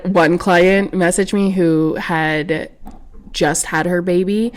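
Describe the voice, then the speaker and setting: A woman's voice: fairly low pitch, fairly even intonation, slow pace. A young woman co-hosting an esthetician podcast, chatting and explaining skincare in plain terms. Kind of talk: casual podcast chat.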